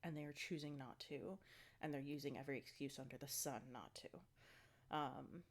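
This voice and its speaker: A fitness vlogger with a rumbling low voice speaks at a moderate pace in a casual video diary. Congested with a stuffy nose and slightly out of breath, she rambles with lots of ums and likes.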